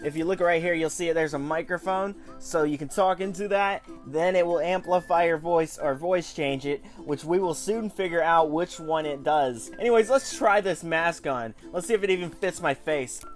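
A man in his twenties with a noticeably high voice reviews toys on camera from a small room at home. His delivery is casual and enthusiastic, like a chatty online host, with soft music playing beneath. He moves at a moderate pace and barely pauses.

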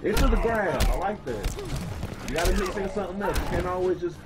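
A man giving excited live fighting game commentary in a slangy, exclaiming manner. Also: high-pitched, fairly quick. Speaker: esports tournament commentator. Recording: loud game music behind voice. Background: loud game music.

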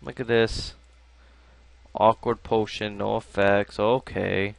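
A young man cursing and complaining through his own live gameplay commentary, swinging from mutters to yells. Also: fairly low pitch, steady tone, slow pace, creaky, no room sound. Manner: cursing, frustrated, swings between muttering and yelling. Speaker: gamer.

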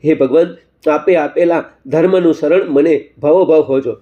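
A man's voice: fairly high pitch, unhurried, dark tone, close to an everyday voice. A man voicing a wounded, reformed male bandit who speaks firmly in a storybook tale. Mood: resolute. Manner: firm, resolute. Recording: slightly muffled recording.

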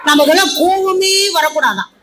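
A woman's voice: high voice, moderate pace, noisy background. A woman teacher giving a humorous speech at a festival, acting out classroom dialogue as she tells school stories. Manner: animated, acts out classroom dialogue. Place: event hall.

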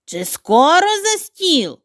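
A woman's voice: high voice, big pitch swings, takes it slowly, fairly bright tone, no echo, studio quality, heavily acted. A woman voicing a mischievous, greedy young pig who is passing himself off as a boy in a storybook tale, with a grumbly, rude, self-satisfied manner.

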